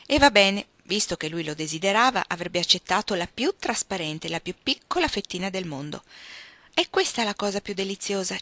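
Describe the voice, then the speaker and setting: Brief: a woman narrating a literary novel, measured and expressive, with a bright, clear voice. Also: on the low side, no echo. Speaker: reader. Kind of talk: audiobook reading of a novel.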